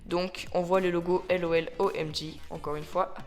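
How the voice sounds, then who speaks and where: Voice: mid-range voice, level tone, moderate pace, faint music behind. A toy reviewer talking casually into a phone camera at home, chatty and rambling, often correcting themselves and dropping English words into the talk. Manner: mixes English words into French. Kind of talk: casual unboxing-style review. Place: at home with a ring light.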